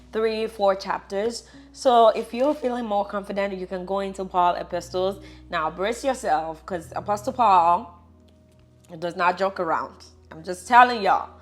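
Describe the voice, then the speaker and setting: A young woman with a Nigerian accent, chatting casually and encouragingly as she walks through her Bible study tips. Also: fairly low pitch. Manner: chatty, encouraging, lively asides. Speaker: vlogger.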